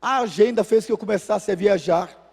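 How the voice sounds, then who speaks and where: With a husky tone, vocal fry, and a moderate pace, a Brazilian Portuguese-accented pastor tells stories throughout his sermon, his voice sitting high for a man. He animatedly voices the people in his anecdotes with lively shifts, all heard through the sanctuary's long reverb.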